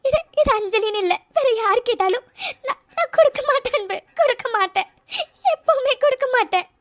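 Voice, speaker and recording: A woman's voice: extremely high pitch, fast. A woman voicing a sincere young woman in a cartoon, tearful and pleading, often repeating her words. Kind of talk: cartoon voice acting.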